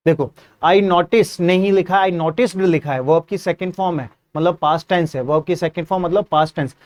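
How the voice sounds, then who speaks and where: A man's voice: a little high, fast, darkish tone. A male teacher, giving an exam-prep English grammar lesson, repeating points, quizzing students and spelling words out letter by letter.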